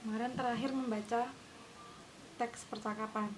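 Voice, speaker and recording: A woman's voice: on the high side, little pitch movement, normal speed, slight background noise, low-quality recording. A woman teaching a lesson to her class, explaining patiently and often checking that her students are following.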